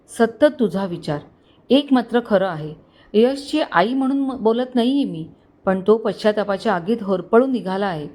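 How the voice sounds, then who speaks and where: A woman's voice: mid-range voice, close to an everyday voice. A woman voicing a loving mother-in-law. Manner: affectionate, warm-hearted. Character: loving older mother-in-law, gentle and sorrowful. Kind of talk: storybook dialogue.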